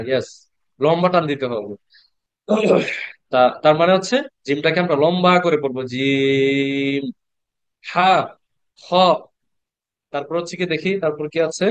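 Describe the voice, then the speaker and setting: A man teaching Quran reading in an online class, patiently repeating letter sounds slowly and asking the class questions. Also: a little high, no room sound, highs cut off. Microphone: computer mic on a video call.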